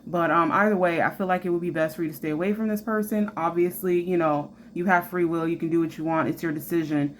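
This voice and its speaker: Woman, tarot reader, chatty and frank, lowish voice, faint room noise. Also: steady tone, fast talker, few pauses. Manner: chatty, frank, filler-heavy. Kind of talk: casual tarot reading.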